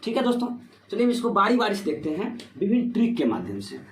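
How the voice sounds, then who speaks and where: A man explains grammar rules for exam students in a lesson, his voice sitting high for a man. He keeps posing rhetorical questions and answering them himself. The room adds a clear echo, with a faint hiss underneath. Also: huge pitch swings, quick pace. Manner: repetitive rhetorical questions, "ठीक है" fillers. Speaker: Hindi grammar teacher. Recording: echoey room with faint noise.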